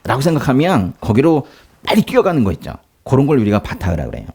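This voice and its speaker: A male pastor delivers a Sunday sermon in an animated, chatty style. His pitch swings widely as he explains verses and acts out quotes. He sounds like he is teaching a church congregation. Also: fast, creaky, slightly rough. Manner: lively, explanatory preaching with laughs and dramatic quoted lines.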